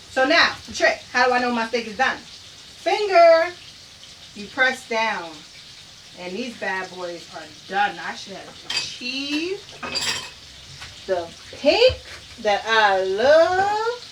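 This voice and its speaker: A woman with a slightly high voice hosts a live cooking demonstration in her home kitchen, chatting and laughing easily with her viewers. She sounds a bit distant from the microphone. The loud sizzle of frying food fills the background. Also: expressive, slow pace, long pauses, a little hiss or hum. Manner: chatty and upbeat, often laughing. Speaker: cooking show host.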